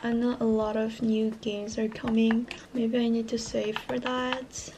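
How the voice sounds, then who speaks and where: A woman's voice: on the high side, little pitch movement, unhurried, background noise. A young woman doing a casual vlog voice-over, chatting about her new things. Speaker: vlogger.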